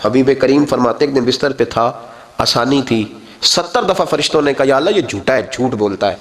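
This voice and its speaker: A man with a Pakistani Urdu accent giving a sermon, telling stories that climb to emotional peaks. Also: mid-range voice. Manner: storytelling with rising emotional peaks. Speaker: preacher.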